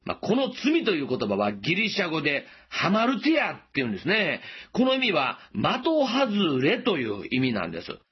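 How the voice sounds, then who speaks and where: A man preaching a sermon as pastor, gently asking listeners questions and slowing down for emphasis, in a dull lo-fi recording. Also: a little high, huge pitch swings, breathy edge.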